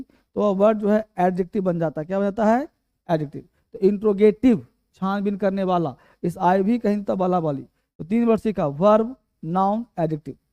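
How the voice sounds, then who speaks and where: Guy teaching english grammar, high pitched but mellow, slow and repetitive, dry sound. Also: no room sound. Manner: slow, repeats key words, quizzes students. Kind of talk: classroom grammar lesson.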